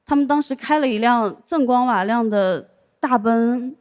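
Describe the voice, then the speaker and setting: A young woman performing a stand-up comedy set, telling her story deadpan and landing punchlines over audience laughter. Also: a little high, moderate pace. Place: comedy stage with a live audience.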